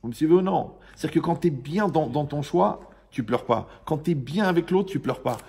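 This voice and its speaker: Male rabbi, informal religious lesson to a live room; gravelly tone, jokey, conversational teacher. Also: a little high, lively intonation, moderate pace, a little mellow. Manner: joking, conversational, quizzes the audience.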